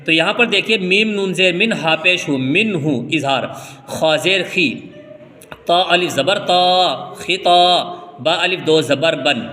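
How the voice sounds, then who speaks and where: Man from India, Quran reading teacher, bright voice, long echo, slow spelled-out letters. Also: a little high. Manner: spells out letters slowly, then explains rules quickly. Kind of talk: step-by-step recitation lesson.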